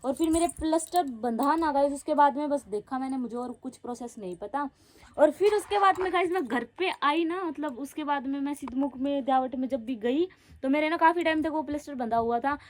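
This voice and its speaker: A young woman tells her viewers stories in a casual, chatty way. Her voice sits high, and she giggles often and keeps talking straight to the people watching. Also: fairly quick. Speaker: vlogger.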